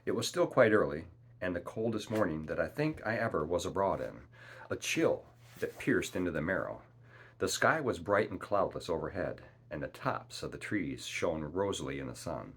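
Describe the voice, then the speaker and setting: A man reads a classic novel aloud in a steady, unhurried way. His voice is very deep. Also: husky. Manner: measured, calm storytelling. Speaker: audiobook reader.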